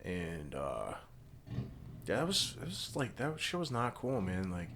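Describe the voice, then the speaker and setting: A man's voice: sits low, wildly swooping pitch, unhurried, a crowd in the background. A man in his early thirties chatting casually in profane, slangy talk peppered with man and dude. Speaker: band musician and podcast participant. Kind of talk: casual chat.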